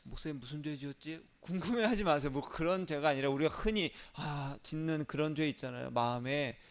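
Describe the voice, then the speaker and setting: Conversational pastor preaching a sermon. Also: male voice, a little high, fairly quick. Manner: conversational, asks rhetorical questions, acts out inner voices.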